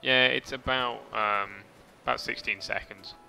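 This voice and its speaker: A man's voice: medium pitch, steady tone, a little slow, creaky, sharp tone, faint music behind. A man casually rambling through a game stream, chatting to viewers with mild swearing. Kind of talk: casual gameplay commentary.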